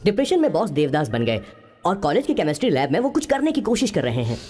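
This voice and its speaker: A man's voice: fairly high pitch, wildly swooping pitch, quick pace, music in the background. A man playing a bumbling male assistant who narrates his boss's life in a chatty, comic film dub. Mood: narrating.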